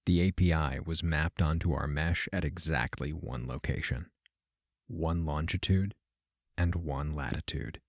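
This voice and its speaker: A man with a bass voice, talking a little slowly, plays a computer scientist in an audio drama. His first-person fiction podcast monologue is wry and self-deprecating, dry and reflective, like a confession.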